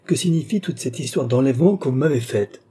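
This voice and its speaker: A man's voice: medium pitch, brisk, warm tone, breathy edge. A man voicing a haughty royal princess who gives commands and grows alarmed, read in an audiobook. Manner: commanding, indignant. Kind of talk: audiobook character reading.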